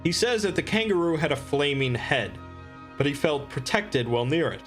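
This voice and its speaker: A man reading scripted explainer narration in a measured, expository manner. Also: on the high side, expressive, fairly bright tone, soft background music.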